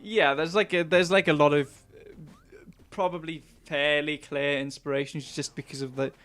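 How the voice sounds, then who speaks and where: A man's voice: on the high side, steady tone, moderate pace, a bit bright. A man in his twenties, a game developer, talking casually in a podcast interview, rambling with lots of fillers and restarts. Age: 20s.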